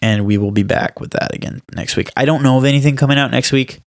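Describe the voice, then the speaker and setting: A man's voice: mid-range voice, fast talker, creaky. A young man co-hosting a podcast, chatting casually and telling stories with emphasis and laughter. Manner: animated, laughing, emphatic storytelling. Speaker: podcast co-host. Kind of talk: casual chat.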